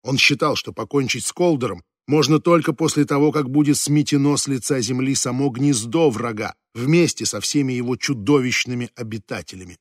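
Man narrating fantasy, dry and measured. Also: medium pitch, no echo. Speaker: audiobook narrator.

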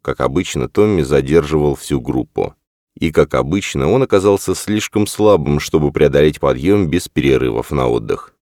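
A man reading a novel aloud as narrator in a measured, steady way. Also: extremely low pitch, no room sound, clean studio sound. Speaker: audiobook narrator. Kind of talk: scripted narration.

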